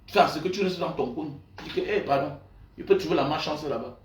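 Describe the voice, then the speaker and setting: A man's voice: fairly high pitch, quick pace, far from the mic. A man, a pastor, chatting on a live stream to viewers, rambling and repetitive, greeting them by name and growing heated. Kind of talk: casual live-stream chat. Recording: echoey room, voice off-mic.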